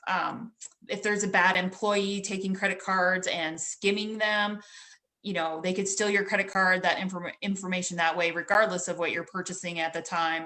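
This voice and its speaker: A woman's voice: lowish voice, sharp tone. A woman guest and security expert giving practical advice in an interview, with plenty of you-knows. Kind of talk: explanatory interview talk.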